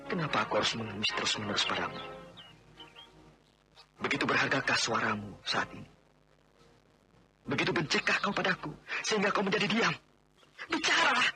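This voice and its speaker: A man's voice: medium pitch, lively intonation, a little fast, pauses often, music in the background, lightly acted. An actor playing a domineering man who insists on marrying a woman he wronged, in a 1980s radio drama. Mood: frustrated. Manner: insistent, overbearing, then remorseful.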